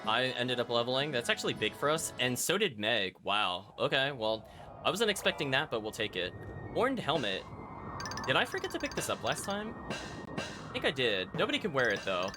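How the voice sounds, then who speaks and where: In a mid-range voice with big pitch swings and a moderate pace, a man chats to his viewers and thinks aloud while streaming a game. Behind him you can hear video game music.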